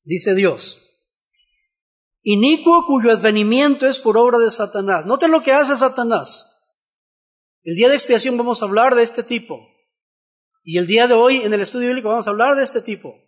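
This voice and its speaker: A man delivers a church sermon in a remarkably high voice. He drives each point through repeated phrases and rhetorical questions, reading scripture aloud along the way. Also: animated, normal speed, long pauses. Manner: emphatic repetition and rhetorical questions. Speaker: preacher.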